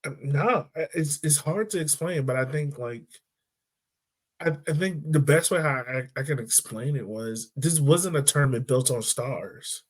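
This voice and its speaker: On a casual sports podcast, a male co-host talks loosely in a laid-back, chatty way, padding his points with "like" and "right?" His mid-range voice is husky and a little slow.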